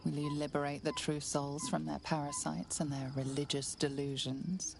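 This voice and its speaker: A woman voicing the narrator of a fantasy game, speaking to the player in a measured, ominous second person. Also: sits low, little pitch movement, vocal fry, noisy background. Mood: foreboding. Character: grave omniscient female narrator of a fantasy game. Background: game music.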